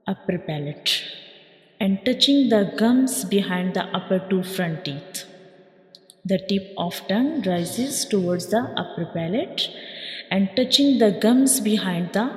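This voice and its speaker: A woman with a mid-range voice teaches how to pronounce Quranic letters in a slow, step-by-step lesson, repeating each point and modeling the sounds herself. The recording has a roomy, big-room sound.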